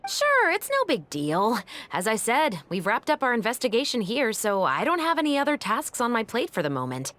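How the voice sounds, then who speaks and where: An actress playing a calm, principled female police captain in a game, talking in a level, matter-of-fact way. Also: a little high, normal speed, hardly any pauses. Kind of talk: game cutscene dialogue and story retelling.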